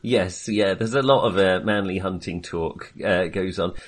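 A man co-hosting a podcast chats casually and enthusiastically about films, rambling and hesitating as he goes. His voice sits low and moves at a measured pace.

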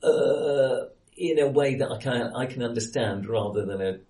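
A film podcast host chats casually about movies in a warm, mid-range voice at a moderate pace, often hesitating and correcting himself. The recording sounds roomy and echoey.

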